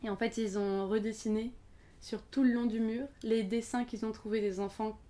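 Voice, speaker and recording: A woman's voice: a little high, flat delivery, moderate pace, warm tone. A woman in her twenties, chatting casually as a podcast guest, talking in loose sentences full of fillers and restarts. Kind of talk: casual conversation.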